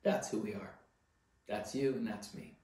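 A man's voice: lowish voice, normal speed, warm tone. A middle-aged man preaching a sermon as pastor, earnest and pressing key words, recorded from a far camera in a library room. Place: church library room with bookshelves, indoors. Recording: very echoey room.

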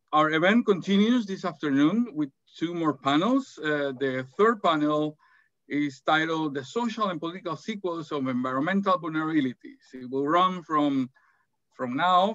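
This middle-aged Salvadoran man hosts and presents an academic webinar by video call from an office, hesitating often with fillers and restarts. His sharp-toned voice sits on the high side, and the recording is dry and dull.

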